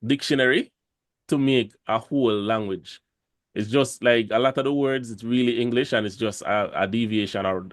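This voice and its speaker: A man's voice: on the low side, no room sound, studio quality. A Jamaican man talking casually on a podcast, rambling with many fillers and restarts. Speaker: podcast host.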